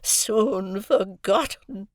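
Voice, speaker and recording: A woman playing Miss Havisham, wailing high. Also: animated, dry recording, studio quality. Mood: moaning. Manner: moaning, wailing, drawn-out. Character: old jilted woman, wild and anguished. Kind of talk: audiobook drama reading.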